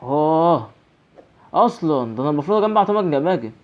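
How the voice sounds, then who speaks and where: A young man with an Egyptian Arabic accent talks through a horror game, jumpy and rambling in frightened bursts. His voice sits a touch high. The audio is dull and lo-fi. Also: expressive, quick pace. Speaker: gaming channel host.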